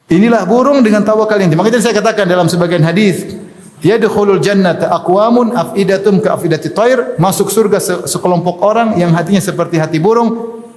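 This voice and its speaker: A man preaching a sermon, lively and joking, acting out prayers. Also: high voice. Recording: echoey hall.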